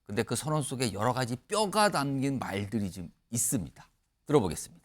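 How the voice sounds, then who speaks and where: A man's voice: medium pitch, very animated, fairly quick. A man anchoring a news talk show, introducing panelists and prompting them with questions and short acknowledgments. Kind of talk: studio panel discussion.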